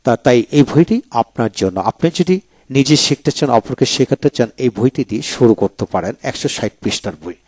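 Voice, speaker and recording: A man's voice: medium pitch, lively intonation, fairly quick, darkish tone, breathy edge, dry recording. A man teaching English pronunciation, spelling each word letter by letter and then repeating it.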